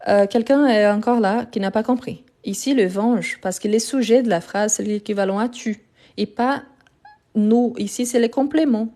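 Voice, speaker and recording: A woman with a fairly high, mellow voice speaks at a normal pace. She's a French teacher giving a live online grammar lesson, explaining patiently and repeating key words. It was recorded on a phone livestream and sounds slightly lo-fi.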